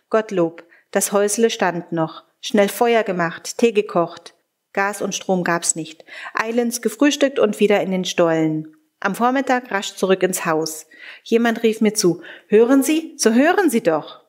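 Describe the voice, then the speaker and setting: A woman reading a wartime diary aloud in a measured, earnest way. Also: mid-range voice, darkish tone. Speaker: reader.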